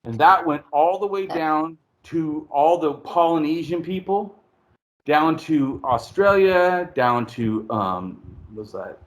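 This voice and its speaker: Animated, profane man explaining casually. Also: fairly high pitch, takes it slowly. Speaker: podcast host. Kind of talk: casual conversation.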